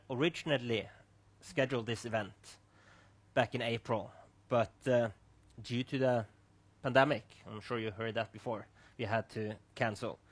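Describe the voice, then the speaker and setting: A man hosting a streamed discussion, giving a formal, scripted introduction with small restarts. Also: mid-range voice. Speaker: host. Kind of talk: moderating a panel talk. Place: online streamed event.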